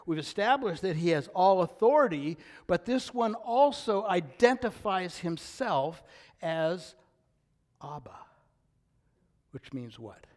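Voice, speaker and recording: An older man preaches with a slightly raised pitch, reading scripture with rising intensity. He builds to loud, emphatic declarations, then drops to hushed, almost whispered lines. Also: very animated, a little slow. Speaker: pastor. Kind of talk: sermon.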